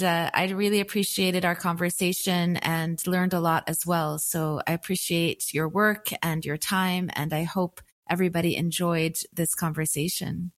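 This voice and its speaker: A woman's voice: fairly low pitch, no room sound. A woman hosting a podcast, talking in an earnest, encouraging interview manner. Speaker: podcast host. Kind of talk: warm interview conversation.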